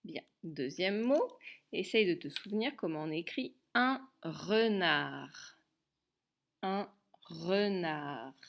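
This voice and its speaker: A woman's voice: fairly low pitch, sing-song, slow pace, vocal fry. A woman teaching a dictation lesson to young pupils, patiently repeating each word and spelling out its sounds. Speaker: primary school teacher.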